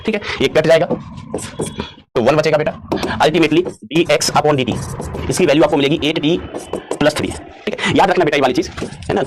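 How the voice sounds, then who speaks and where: Fast-talking male maths teacher. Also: fairly high pitch, slight background noise. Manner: addresses students as beta, repeats questions and answers himself; urges students on with rapid repetitions. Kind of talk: live online class.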